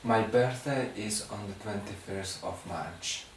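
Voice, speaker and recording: Answering exam questions in English, a Guatemalan man whose first language is Spanish speaks slowly and hesitantly, with many "uh" fillers and restarts. His fairly low voice is captured from a distance in a strongly echoing room, with faint background noise.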